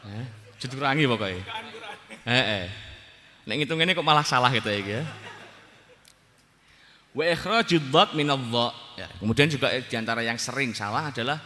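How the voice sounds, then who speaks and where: A man with a Javanese accent teaching a religious text to a gathering, in a relaxed, repetitive way and often checking with "ya". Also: medium pitch, quick pace, in a large hall. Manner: relaxed teaching, repeating words, frequent "ya" checks.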